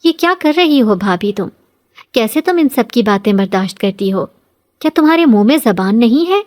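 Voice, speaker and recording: A woman's voice: mid-range voice, natural voice. A woman voicing a blunt, fiery young bride in a storybook reading. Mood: defiant. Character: bold defiant young bride.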